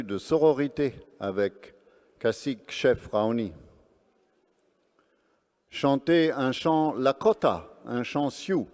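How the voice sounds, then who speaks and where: On stage in a large event hall, a man presents and interprets live, speaking earnestly one phrase at a time. His mid-range voice has a darkish tone, and the hall adds a long reverb.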